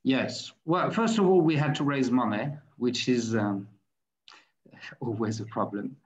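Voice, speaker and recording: A man's voice: medium pitch, measured pace. A man in his fifties with a French accent, presenting and explaining step by step in an online webinar. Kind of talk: informal presentation and answers. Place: plain room indoors. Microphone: laptop mic on a video call. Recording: dull video call audio.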